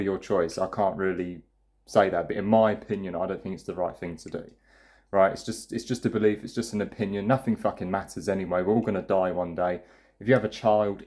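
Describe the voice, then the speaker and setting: A man's voice: deep voice, a little mellow. A young man ranting to camera in a blunt, profane, rambling way, restarting his sentences often. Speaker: vlogger. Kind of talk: casual ranting monologue.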